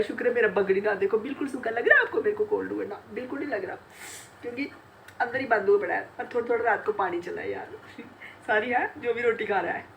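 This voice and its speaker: Her voice is a little high, creaky, and fairly bright, clogged by a cold that leaves her nose blocked and throat sore. This middle-aged vlogger chats to camera, laughing a lot while recounting family talk, with a faint hiss behind her.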